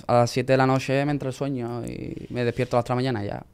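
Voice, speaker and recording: A young man with a Spanish accent from Spain is a guest in a casual interview. He tells his story in a relaxed way and uses Spanish slang. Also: mid-range voice, fast, vocal fry, clear, resonant tone. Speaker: singer guest.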